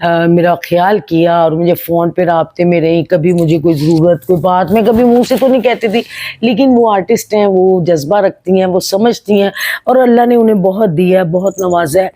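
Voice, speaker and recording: An older woman reminisces to camera in a lively, storytelling way, slipping into imitations of others. Her voice is mellow and warm, recorded close and dry with no room sound. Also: fairly low pitch, moderate pace, no room sound. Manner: lively storyteller who mimics other people. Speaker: film actress.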